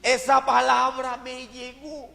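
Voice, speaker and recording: A Colombian man preaches his testimony from the pulpit, telling it in a lively way with acted-out voices and sudden drops to near hushes. His voice sits fairly high for a man. The sound carries a long reverb from a large church hall. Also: slow, gravelly, slight background noise. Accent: Colombian Caribbean Spanish. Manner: animated storytelling, acting out voices, swings from shouting to hushed. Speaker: pastor. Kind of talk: sermon testimony.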